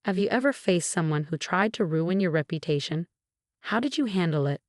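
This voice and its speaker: Female story narrator, measured scripted read, low pitch, dry close sound. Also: lively intonation, a little mellow, dry recording.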